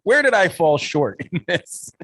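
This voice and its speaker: A man's voice: high-pitched, sing-song, measured pace, fairly bright tone, slightly rough, poor audio. A man who does stand-up, co-hosting a casual comedy podcast, telling rambling anecdotes and laughing often. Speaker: podcast co-host, stand-up comic.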